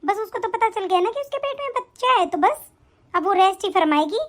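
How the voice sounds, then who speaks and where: A woman playing a nagging, very high-pitched mother-in-law. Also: animated, a little fast. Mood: complaining. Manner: nagging, commanding and scornful. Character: scolding middle-aged mother-in-law, bossy and scornful. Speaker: voice actor in an animated family drama. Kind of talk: animated story voice acting.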